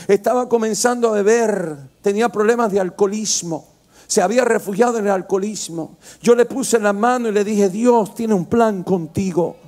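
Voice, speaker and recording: A male pastor preaching a sermon with passion, moving from quiet, intimate storytelling to loud, shouted exhortation. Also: sits high, a little fast. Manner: impassioned preaching, swings from hushed to shouting.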